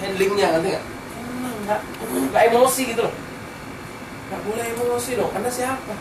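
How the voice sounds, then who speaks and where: A man's voice: very high voice, moderate pace. A man giving a motivational business seminar talk in a casual way, often asking the audience rhetorical questions. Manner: colloquial, keeps quizzing the audience with rhetorical questions. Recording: roomy hall, distant mic, background noise.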